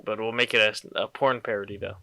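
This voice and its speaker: A young man hosting a casual chat, joking and laughing often, his voice jumping higher when he gets indignant. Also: fast, gravelly. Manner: animated, gets loud and high when indignant. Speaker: podcast host.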